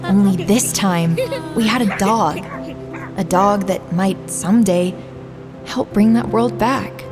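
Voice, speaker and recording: A young girl adventurer voiced by a woman recounts her journey in audio drama narration. The mid-range voice is reflective and measured in tone. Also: mid-range voice, music in the background, close to an everyday voice. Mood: wistful. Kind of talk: scripted first-person story narration.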